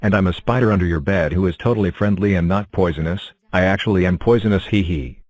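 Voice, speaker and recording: A woman's voice: very deep voice, fast, darkish tone. A woman voicing a sly spider-like number block who claims to be friendly, with a sneaky giggle.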